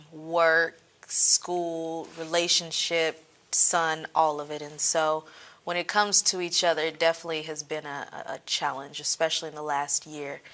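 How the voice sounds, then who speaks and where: Low, bright-voiced female guest. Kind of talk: interview conversation.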